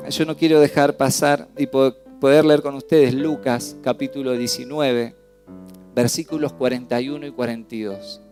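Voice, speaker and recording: A man from Argentina with a Rioplatense Spanish accent preaching a sermon in church, swinging from loud outbursts to hushed, slow phrases. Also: mid-range voice. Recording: soft piano music behind the voice.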